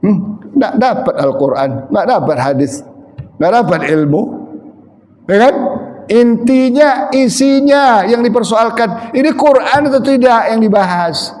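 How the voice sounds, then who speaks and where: A man from Sumatra preaching a sermon in a mosque, with a loud, forceful voice and humorous asides. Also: extremely high pitch, unhurried. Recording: long reverb of a mosque hall.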